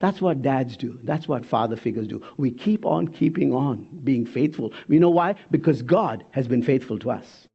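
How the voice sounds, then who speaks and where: A man in his sixties preaching a sermon in an animated way, firing rhetorical questions and swinging between loud and soft. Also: medium pitch, moderate pace, vocal fry, few pauses, breathy edge, muffled recording. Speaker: pastor.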